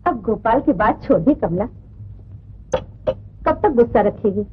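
An actress playing a loving middle-aged mother who tenderly and gently scolds her children, in 1950s film acting. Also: a little high, animated, unhurried, slightly rough, faint music behind. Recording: tinny old film soundtrack with score.

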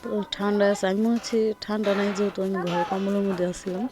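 A hoarse young woman chats unhurriedly while she narrates her cooking vlog. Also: medium pitch, fairly even intonation, a little mellow. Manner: chatty, unhurried, talks while she works. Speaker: cooking vlogger. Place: home kitchen at the stove, earlier out on the street. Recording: noisy with frying sizzle.

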